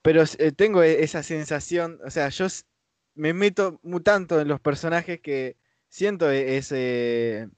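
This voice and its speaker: A man's voice: on the high side, unhurried, no room sound. A man with a Rioplatense accent in a casual podcast chat, enthusiastic and stumbling over his words. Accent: Rioplatense Spanish. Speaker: podcast co-host.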